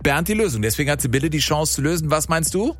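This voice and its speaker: A man hosting a radio quiz, chatting quickly with callers and explaining the rules. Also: on the high side, animated. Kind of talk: lively radio quiz moderation.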